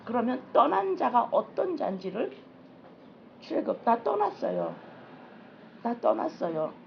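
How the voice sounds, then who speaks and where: A woman's voice: on the high side, vocal fry, dull audio, slight background noise. A woman pastor preaching a sermon in a conversational, repetitive way and reading scripture aloud. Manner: conversational, repetitive preaching that acts out little dialogues.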